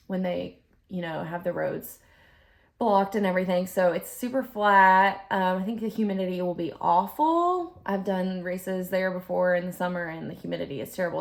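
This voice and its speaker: Chatty woman vlogger with a creaky voice. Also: fairly low pitch. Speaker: fitness vlogger; group fitness instructor. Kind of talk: casual rambling vlog chat.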